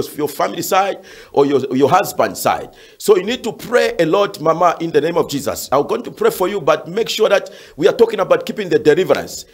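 A man preaching fervently and praying with callers on a phone-in, with frequent "uh" fillers. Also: high voice. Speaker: pastor. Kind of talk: shouted sermon and prayer phone-in.

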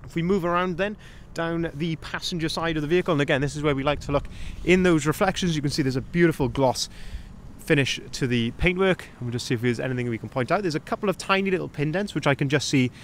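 A young man, a sales manager, tours a van for sale on a cold outdoor lot, upbeat and thorough as he points things out while walking. His slightly high voice moves fast with few pauses, recorded first-person on a handheld camera with slight background noise.

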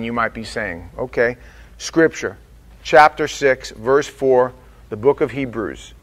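This man, preaching as pastor at a medium pitch, softens and slows for prayer, then builds to forceful, loud warnings.

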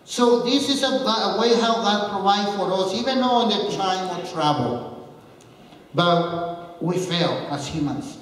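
Male preacher with a high voice who tells stories earnestly, recorded from a distance in a roomy hall. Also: lively intonation, measured pace, a bit bright, slight background noise. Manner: earnest storytelling, quotes the speech of others. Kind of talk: sermon. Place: church. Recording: echoey hall from far off.

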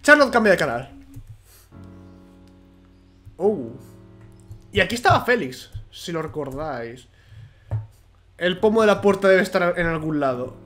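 A man from with a cold commentating a video game at a home microphone, half-shouting and rambling. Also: on the high side. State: has a cold. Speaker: gamer. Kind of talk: let's play commentary.

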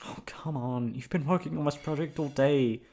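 Performing an intimate ASMR audio roleplay, a male voice actor takes the part of an affectionate, teasing boyfriend who coaxes and pleads in a playful way. His voice is on the high side and a little mellow, at normal speed.

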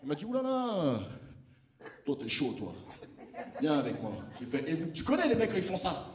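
A man with a street accent from Lyon performing stand-up, telling a story and acting out the people in it, sometimes shouting the punchlines. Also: fairly high pitch, moderate pace, far from the mic. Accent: Lyon street French. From France. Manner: animated, acts out characters, shouts punchlines. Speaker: stand-up comedian. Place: large theatre stage with live audience. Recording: roomy hall, mic heard from afar, audience.

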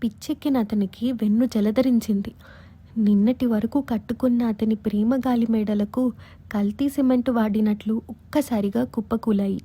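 A woman storyteller doing scripted narration in a steady, measured reading. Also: fairly high pitch, slightly rough.

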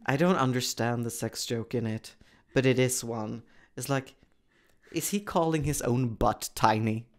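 A man voice actor recording lines in a blooper session, giggling between takes. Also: mid-range voice. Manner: giggly, slow, animated delivery.

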